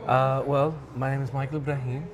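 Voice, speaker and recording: A musician and music director from Michigan appears as an interview guest, reminiscing casually in American-accented English and slipping in Arabic phrases. His mid-range voice is level in tone and fairly quick. Crowd noise and clearly noisy ambience fill the background.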